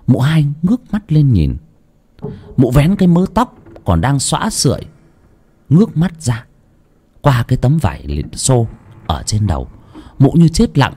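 A man's voice: medium pitch, warm tone, breathy edge. A man narrating a village ghost story in a dramatic, suspenseful way.

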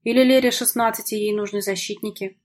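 A cocky young man , read by a woman, delivers his audiobook lines coldly and curtly, with a mocking edge. The voice is breathy and husky at a middling pitch. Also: fairly even intonation, fast talker, a little mellow, close to an everyday voice. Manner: cold, mocking, offhand. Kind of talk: audiobook dialogue reading.

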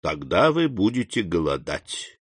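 A man reading aloud, voicing a calm, unhurried bandit chief who speaks low and coolly. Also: husky, no room sound, heavily acted.

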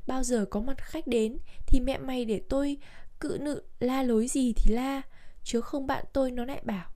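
Storybook henpecked husband, bossy and blustering, mellow higher voice read by a woman. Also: fairly even intonation, moderate pace, close to an everyday voice. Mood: pleading. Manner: bossy scolding.

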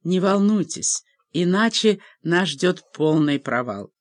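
A woman voicing a kindly, gently ironic middle-aged priest in an audiobook. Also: on the low side, expressive, takes it slowly, no echo, clean studio sound. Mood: gentle.

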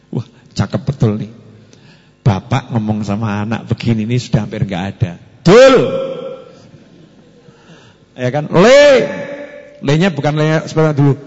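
A man, preaching at an Islamic study gathering in lively storytelling style, acting out the voices of the people in his stories. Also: mid-range voice, fairly quick. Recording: echoey hall, muffled sound.

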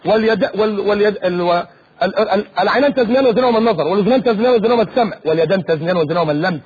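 A man with an Egyptian accent preaching on the radio in an animated way, often mimicking other people's voices. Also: high voice, husky. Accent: Egyptian Arabic. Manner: rapid, animated, mimics voices mid-talk. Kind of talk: lively preaching talk. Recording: dull lo-fi radio recording.

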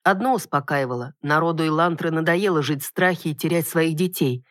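A woman narrating a fantasy audiobook in steady first-person reading. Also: low voice, a little fast, no room sound, studio quality.

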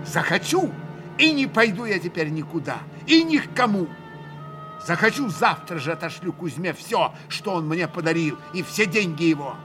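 A man's voice: high-pitched, expressive, normal speed, fairly bright tone, soft background music. A man reading aloud and voicing a passionate young woman who lurches between fury and tears, with hysterical cries. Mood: anguished frenzy. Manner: hysterical outbursts, bitter and sobbing.

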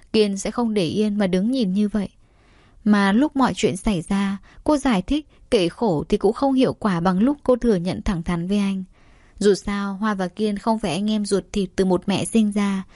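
A woman reads a story aloud at a steady, even pace, her voice set in a middle register. The recording is dry and close, with no room sound. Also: medium pitch, dry recording. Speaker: narrator. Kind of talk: audiobook narration.

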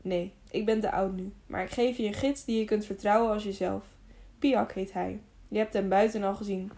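A grave, kindly old hermit speaks in a soft, solemn, unhurried way, his voice mellow and warm, as a woman reads him aloud for an audiobook. The tone stays at a medium pitch throughout. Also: steady tone, lightly acted. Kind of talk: audiobook reading.

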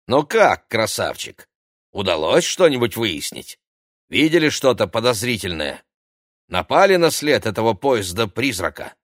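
A man's voice: on the low side, sing-song, unhurried, no room sound, studio quality, voice pushed up. A man voicing a brash, scheming female TV reporter who is pushy and domineering, in an audiobook. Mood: pushy, mocking. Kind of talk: audiobook character voice.

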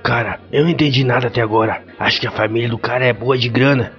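A man's voice: medium pitch, steady tone, quick pace, a bit bright, dull audio, natural voice. A man playing an earnest, heartbroken young man in a radio soap opera. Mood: dejected.

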